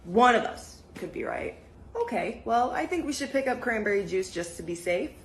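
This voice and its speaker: A woman's voice: on the high side, animated, moderate pace, roomy sound, a little hiss or hum, lightly acted. A woman in a comedy sketch who keeps coaxing and making promises.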